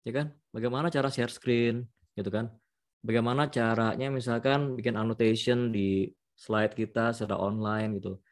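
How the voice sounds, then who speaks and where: A middle-aged man, a professor and vice dean, giving a long, thoughtful interview answer with many pauses and restarts. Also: mid-range voice. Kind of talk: interview answer, casual explaining.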